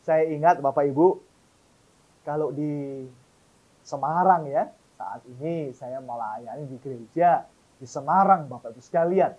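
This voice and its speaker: Emphatic husky-voiced man preaching. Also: on the high side, a little slow, poor audio. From Surabaya, East Java. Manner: animated, emphatic, addresses the congregation often. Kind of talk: sermon.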